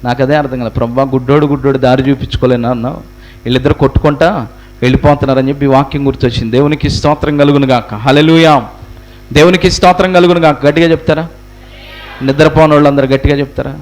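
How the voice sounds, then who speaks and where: A man's voice: mid-range voice, fairly even intonation, quick pace, low-quality recording. A pastor preaching a sermon to his congregation, firing rhetorical questions and repeating phrases for emphasis. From India.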